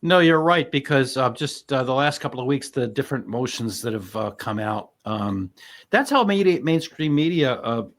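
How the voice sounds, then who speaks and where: A man's voice: mid-range voice, animated, moderate pace. A man who is a lawyer hosting a true-crime channel, chatting casually on a video call with a rambling, emphatic manner and self-deprecating asides. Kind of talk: casual panel discussion.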